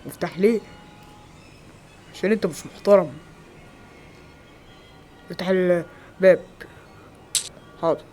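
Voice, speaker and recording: A man with an Egyptian Arabic accent acting several everyday roles in a homemade skit, with quick, exclamatory lines. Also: high-pitched, faint music behind. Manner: quick, loud, exclamatory dialogue. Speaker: amateur actor.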